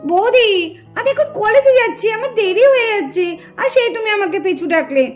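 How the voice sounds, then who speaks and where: A hurried young college girl from a doll-puppet cartoon, voiced by a woman, loud and impatient. Her voice is pitched very high and strained with haste, over a faint music bed. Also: very animated.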